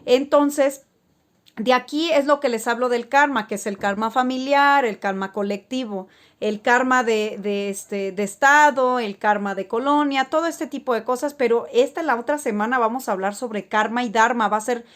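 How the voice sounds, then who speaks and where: Rambling woman, higher voice. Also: normal speed. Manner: rambling, frequent filler words and restarts. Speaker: spiritual vlogger. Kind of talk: casual storytelling to camera.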